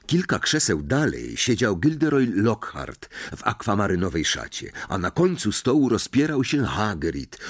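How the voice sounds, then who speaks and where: A male audiobook narrator reading in a lively, expressive storytelling style. His voice sits fairly low, with wide pitch movement. The sound is close and dry, from a studio mic. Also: husky, no echo. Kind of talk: scripted narration.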